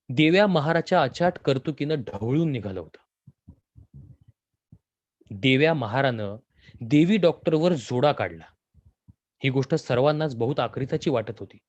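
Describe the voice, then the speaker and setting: A man reading a story aloud in a measured, expressive way. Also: mid-range voice, no echo. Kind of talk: scripted story narration.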